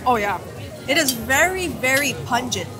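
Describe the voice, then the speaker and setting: A woman's voice: sits high, lively intonation, moderate pace, background noise. A woman guesting on a food vlog, reacting candidly and playfully as she tastes dishes at an outdoor night market. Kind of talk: casual food vlog chat.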